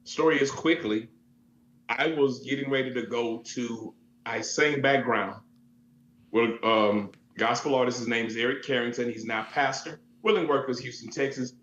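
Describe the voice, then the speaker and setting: A man who works as a DJ and MC, telling stories in a relaxed, expressive way during an interview. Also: medium pitch, moderate pace. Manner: easygoing, expressive, laughs while telling stories. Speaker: DJ and MC, event entertainer. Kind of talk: casual interview storytelling. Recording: echoey, dull lo-fi sound with faint hum.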